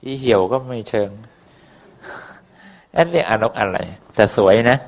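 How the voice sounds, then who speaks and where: A man's voice: medium pitch, expressive, normal speed. A man telling a folk tale in a casual, rambling way, with many fillers and coarse words. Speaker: storyteller.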